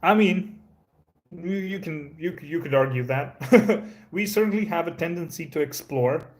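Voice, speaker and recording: Speaking from inside his home, this native Croatian speaker talks loosely with his live-stream audience, his English accent sounding American. His voice is fairly high for a man, the recording is low quality, and his easygoing, wandering talk is full of fillers and false starts.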